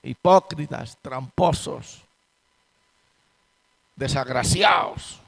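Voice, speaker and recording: A man's voice: mid-range voice, extremely slow, creaky, voice pushed down, heavily acted. A man acting out an arrogant, self-righteous male Pharisee praying aloud in a sermon. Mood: haughty. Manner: haughty, lofty. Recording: long hall reverb in church.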